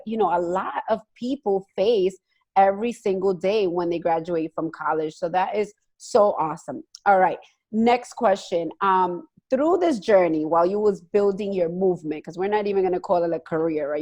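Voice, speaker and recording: A woman's voice: medium pitch, a little mellow. A woman hosting an interview over a video call, chatty and enthusiastic. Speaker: host. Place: home, joining by video call.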